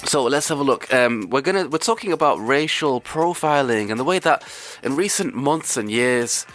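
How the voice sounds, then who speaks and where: A man hosting community radio with a croaky, ill-sounding voice, talking casually and hesitantly off the cuff. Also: medium pitch, animated, moderate pace, fairly bright tone, faint music behind. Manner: hesitant, conversational, rambling. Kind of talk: casual radio talk, unscripted.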